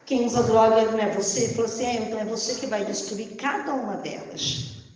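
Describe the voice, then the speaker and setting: Woman, preacher, sermon testimony, quoted dialogue, fervent, high-ish voice, long hall reverb. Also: fast. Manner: storytelling, quoting dialogue, rising to fervent shouts.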